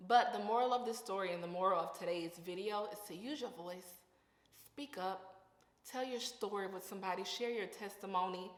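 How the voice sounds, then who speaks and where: A woman's voice: mid-range voice, a bit bright. A young woman with a lisp, giving an earnest, slangy talk of faith-based encouragement to her viewers. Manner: earnest, conversational, slangy, with emphatic repetitions. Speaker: vlogger. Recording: echoey room with long reverb.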